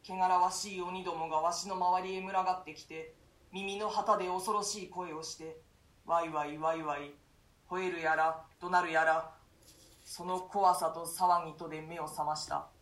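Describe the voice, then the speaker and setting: A voice actor performs a classic play for radio, as an imprisoned duke, male and grave, fearfully telling his nightmare in solemn, archaic language with gasps. His medium-pitched, fairly bright voice holds steady at a moderate pace and sounds natural. The room is echoey.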